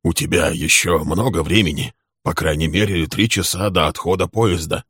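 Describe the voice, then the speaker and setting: Man doing a hoarse old man trying to keep order. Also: low voice, moderate pace, fairly bright tone, dry recording, studio quality. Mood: pleading. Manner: pleading then commanding. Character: older male host, stern and placating.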